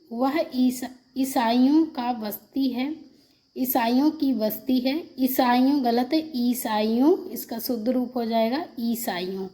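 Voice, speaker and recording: In a warm, fairly high voice, a woman teaches a Hindi spelling lesson for an exam, reading example sentences aloud and then repeating each word in its correct form.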